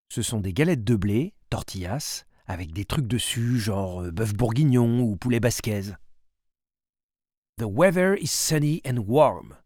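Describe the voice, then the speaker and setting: A man narrates a storybook as a diary, wry and observant. His pitch moves in a lively way, and his overall pace stays slow and deliberate. The recording is close and dry. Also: no room sound. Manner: wry, rapid asides between slow read-out lines.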